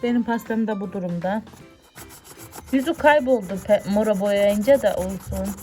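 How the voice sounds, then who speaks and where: A woman's voice: medium pitch, normal speed, dark tone. A woman chatting playfully with her child at home and often turning to address the viewers. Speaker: mother vlogging with her daughter. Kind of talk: casual family vlog chat. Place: home, indoors. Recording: clear background music.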